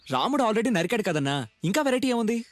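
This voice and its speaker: Mouthy hostage, super fast and bouncy, deadpan digs. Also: male voice, high voice, over loud music. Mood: cheeky. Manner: deadpan cheeky quips. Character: cheeky male captive who mocks his captor.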